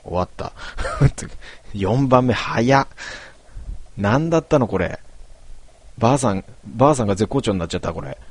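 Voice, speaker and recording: A man's voice: on the low side, animated, moderate pace, long pauses, no echo. A man playing a game and giving dry, muttered commentary. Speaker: game player. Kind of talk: casual play commentary.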